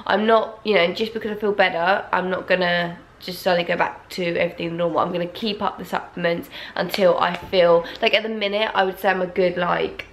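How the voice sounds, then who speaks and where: A young woman with a slight croak from a cold, chatting upbeat in a casual vlog. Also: on the low side, steady tone, fairly quick, few pauses. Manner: chatty and upbeat, fillers like "like" and "you know". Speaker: vlogger.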